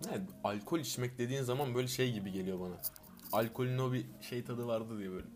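A young man co-hosting a relaxed chat, tossing out easygoing banter at a brisk clip. His voice sits at a middle pitch. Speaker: podcast co-host. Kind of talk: casual chat.

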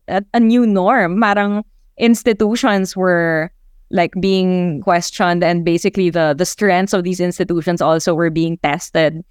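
This Filipino journalist in her twenties speaks with a fairly low, smooth voice and a Filipino accent. She reflects conversationally while answering interview questions, mixing in some Tagalog with English, recorded at studio quality without room sound.

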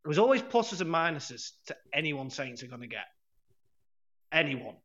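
A man's voice: on the high side, big pitch swings, moderate pace, a bit bright. A man co-hosting a football podcast in casual chat, rambling and correcting himself, laughing often. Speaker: podcast co-host. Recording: dull lo-fi sound.

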